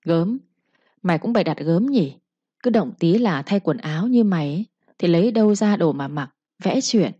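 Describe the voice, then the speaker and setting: A woman's voice: fairly low pitch, expressive, moderate pace, dark tone, slightly rough, no room sound, lo-fi sound. A woman voicing a harsh young mistress who scolds and threatens her servant with contempt. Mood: scolding.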